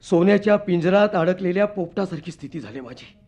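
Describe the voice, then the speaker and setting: Brief: fervent young rebel husband, radio drama, lively rising and falling delivery. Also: male voice, high-pitched, brisk. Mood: bitter. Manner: intense, declamatory, swings from hushed to fervent. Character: fiery young revolutionary husband burning for revenge.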